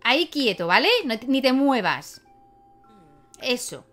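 Young woman, gaming YouTuber, chatty commentary, fairly high voice. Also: expressive, unhurried, fairly bright tone, soft background music. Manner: chatty, talks to her game characters. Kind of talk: casual gameplay commentary.

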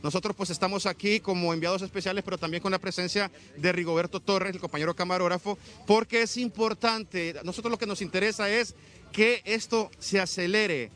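High-voiced male field reporter, measured. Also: steady tone, fairly bright tone. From Honduras. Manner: formal, measured broadcast delivery. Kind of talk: live news report. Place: outdoors at night on an island. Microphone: handheld microphone.

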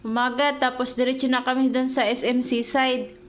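A woman's voice: high-pitched, little pitch movement, moderate pace. A young pregnant woman chatting casually to her vlog viewers, rambling and searching for words with many fillers, a little short of breath. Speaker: vlogger.

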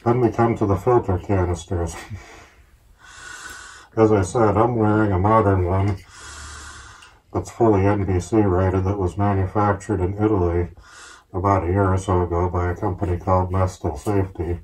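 A man speaking through a gas mask, explaining gear in a steady, plain-spoken, casual show-and-tell way. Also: low-pitched, moderate pace, long pauses, slight background noise, low-quality recording. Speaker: collector reviewing military gear.

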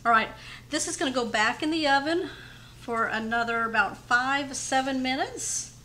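This middle-aged home cooking host has a high, bright voice with a forceful tone, speaking at a normal pace against slight background noise. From her kitchen, she casually walks through a casserole recipe step by step.

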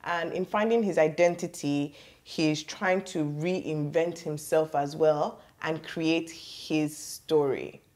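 Female host, low register, measured delivery for a book review show. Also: fairly even intonation, darkish tone. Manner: measured, guiding questions.

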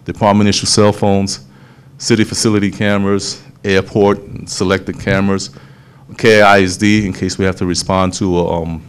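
A man, a police official explaining a program to a town hall meeting, steady and explanatory, often restarting phrases. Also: low-pitched, normal speed, smooth. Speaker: police official presenting to city council.

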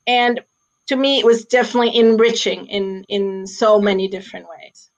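A middle-aged woman, born in Austria and raised in Switzerland, speaks as an alumna guest and sports executive in a medium-pitched, flat voice at normal speed. Her talk is casual and thoughtful, full of fillers. She's in a small plain-walled room, using a laptop webcam, and the call audio sounds slightly dull.

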